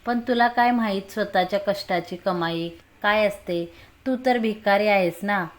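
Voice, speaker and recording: A woman's voice: mid-range voice, normal speed, close to an everyday voice. A woman voicing a tipsy, mocking young woman in a read-aloud romance story. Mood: taunting. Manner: slurred taunting, loud.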